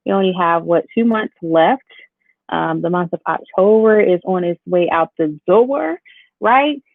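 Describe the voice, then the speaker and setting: A woman with a lowish voice and vocal fry speaks at a measured pace, staying upbeat as she chats with viewers on her makeup livestream. Recorded dry on AirPods, her audio has a tinny, phone-like quality.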